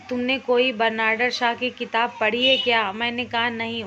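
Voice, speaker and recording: A woman's voice: on the high side, a bit bright. Woman reading a novel in a level voice. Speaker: storyteller. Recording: muffled lo-fi recording with faint hiss.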